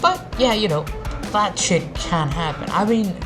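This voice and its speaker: A woman with a medium-pitched, animated voice delivers an unhurried, informal, sweary rant as an anime review video maker. She's blunt and sarcastic, and background music plays behind her voice.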